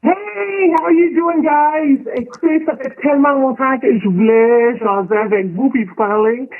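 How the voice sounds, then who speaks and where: A woman in her fifties with a Québécois accent, calling in to a radio show through a voice changer, chatty and mixing in English phrases. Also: normal speed. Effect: voice changer pitching her voice up. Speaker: anonymous guest caller. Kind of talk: casual radio phone chat. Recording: phone-line call.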